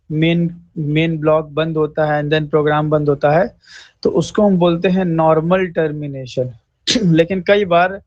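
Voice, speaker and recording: A man teaching code at a very unhurried pace, spelling concepts out word by word and often checking that his listeners follow. His voice sits a little high for a man. The recording is dry and a bit dull, with no room sound. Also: darkish tone, no echo. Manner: slow, repetitive, checks in with "thik hai" often; clears throat now and then. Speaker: programming teacher. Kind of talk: screen-recorded coding lesson. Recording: dry, slightly dull mic.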